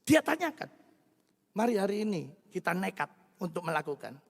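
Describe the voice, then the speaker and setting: A man's voice: high voice, normal speed, vocal fry. A man from Madura with an East Javanese accent, a pastor preaching a humorous sermon and slipping into voices for his anecdotes. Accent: East Javanese Indonesian with Madurese flavor. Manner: animated, jumps between voices in anecdotes. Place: church hall. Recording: reverberant church hall.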